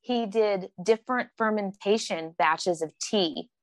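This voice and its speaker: A woman from Oklahoma, a guest on a casual podcast chat, telling stories with lively acted-out quotes. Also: medium pitch, measured pace. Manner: animated storyteller, acts out quotes.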